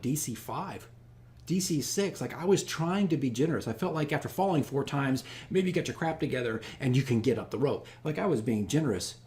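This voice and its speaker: A dungeon master's casual vlog: he tells campaign stories in a rambling, self-deprecating way, often repeating phrases for emphasis. His voice is a little high and a little mellow.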